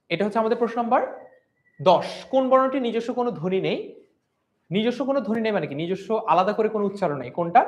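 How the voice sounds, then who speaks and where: Young male teacher for a live online revision class, voice rising and falling widely, asks questions and answers them himself. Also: sits high. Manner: stretches out sounds to demonstrate pronunciation.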